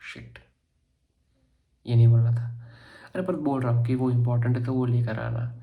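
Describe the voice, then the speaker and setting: A young man from India giving a chatty, joking tour of his student room in a casual vlog, talking fast. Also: medium pitch, fairly even intonation, vocal fry, narrow, tinny audio. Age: young adult. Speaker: vlogger.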